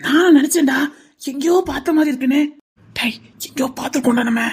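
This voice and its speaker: A woman's voice: high-pitched, quick pace, darkish tone. A woman with a Tirunelveli accent performing a comic sketch, chattering nosily and teasing like a gossiping bus passenger. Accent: Tirunelveli Tamil. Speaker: sketch comedian.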